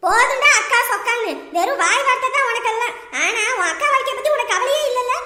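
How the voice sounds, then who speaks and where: A woman's voice: very high-pitched, expressive, quick pace, pushed and bright, full character voice. Bitter scolding daughter, as a woman acts her out. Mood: accusing. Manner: scolding, accusing, sarcastic. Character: bitter wronged married daughter, sent away by her husband. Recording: echoey room with long reverb.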